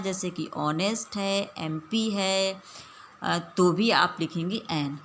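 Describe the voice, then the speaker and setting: Slow-paced woman teaching grammar. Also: mid-range voice, fairly bright tone, a little hiss or hum. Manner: explains patiently, mixing Hindi and English, slow drilled examples. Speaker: English teacher. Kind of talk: classroom grammar lesson.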